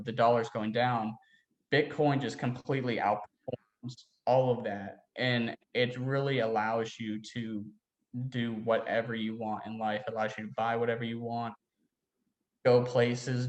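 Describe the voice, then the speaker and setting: A young man answers interview questions in a loose, rambling way, leaning on "like" and "you know" between thoughts. His voice sits at an ordinary middle pitch. The recording carries a noticeable roomy echo. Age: young adult. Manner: rambling, heavy use of "like" fillers. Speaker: interview guest. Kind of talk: casual interview talk.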